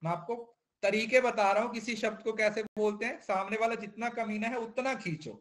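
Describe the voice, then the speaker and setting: A man's voice: high-pitched, fairly even intonation, normal speed, a bit bright. A male teacher giving a classroom lecture, mixing in English terms and often checking that students understand. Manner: keeps checking understanding, repetitive.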